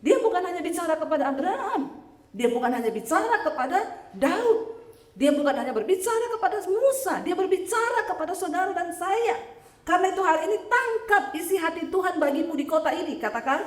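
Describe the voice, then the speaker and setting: High-voiced woman preaching in echoey hall. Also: a little fast. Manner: animated, joking with the congregation. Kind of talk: sermon with personal testimony. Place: church hall in Sydney.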